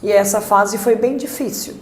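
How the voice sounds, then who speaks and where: A Brazilian woman telling her family story as a podcast guest, halting and emotional, with many fillers. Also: medium pitch. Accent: Brazilian Portuguese. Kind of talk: personal testimony in a podcast. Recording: echoey room.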